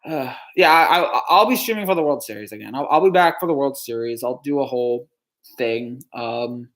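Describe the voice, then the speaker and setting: A man from New Jersey answers chat questions on a live stream, sounding dejected and halting. He stammers, restarts often, and sighs. His voice is medium in pitch and a bit bright.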